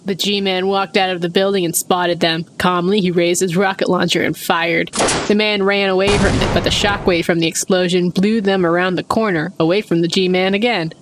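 A woman's voice: fairly low pitch, fairly even intonation, normal speed. Woman narrating a comic story, noisy room. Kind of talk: dramatic read-aloud narration of a comic story.

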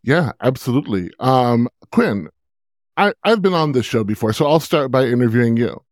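Man, co-host, mid pitch, dry close sound, eager casual questions. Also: expressive, moderate pace, dry recording. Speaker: podcast co-host. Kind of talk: casual chat.

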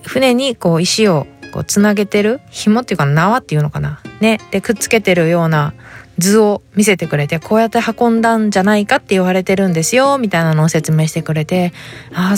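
Podcast host, Japanese woman, 30s, Hakata accent, animated storyteller, middle pitch, soft guitar underneath. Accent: Hakata dialect. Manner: chatty, animated storytelling with quoted dialogue. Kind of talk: casual solo chat.

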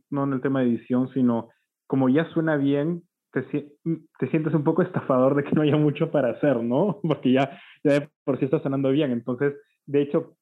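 A man, working as a mixing engineer, recalls his projects in a relaxed, slangy way and often ends his points with a question tag. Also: medium pitch. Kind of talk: casual recollection. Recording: tinny phone-like line.

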